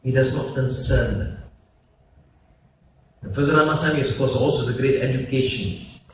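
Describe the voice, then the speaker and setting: A man from Malaysia, giving an emphatic public speech with pauses at a conference. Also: medium pitch. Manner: slow, emphatic oratory with pauses. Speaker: conference speaker, politician. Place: large conference hall. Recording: echoey hall, distant mic, faint noise.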